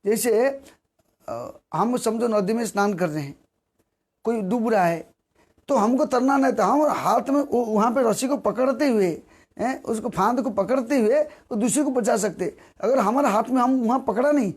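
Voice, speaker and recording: A man's voice: very high voice, darkish tone, slightly rough. Man preaching with rhetorical questions. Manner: repetitive, rhetorical questions, sings verses slowly. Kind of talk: devotional sermon.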